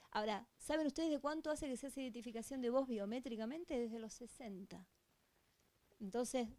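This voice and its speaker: A woman's voice: fairly high pitch, dark tone. A woman with an Argentine accent giving a conference lecture as a police voice-analysis expert, teaching through frequent rhetorical questions. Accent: Argentine Spanish. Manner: didactic, many rhetorical questions. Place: conference stage. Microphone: handheld or stand microphone.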